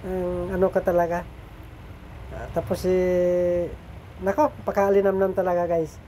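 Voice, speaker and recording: Brief: middle-aged food vlogger, mellow and slightly nasal, chatty, keeps checking in with viewers. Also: medium pitch, level tone, a little slow, a little hiss or hum. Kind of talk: casual eating and cooking vlog.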